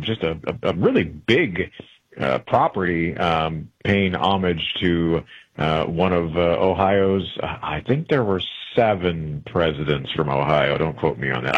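A man's voice: deep voice, muffled recording. A man who is a traveling correspondent, chatting casually and rambling with many fillers and restarts, heard through an AM radio broadcast. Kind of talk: casual call-in chat on a radio talk show.

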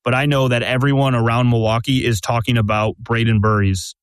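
Steady man hosting a sports podcast. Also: medium pitch, a little fast, clean tone, dry recording. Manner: steady, lays out questions and scenarios. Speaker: podcast host. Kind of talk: casual sports chat.

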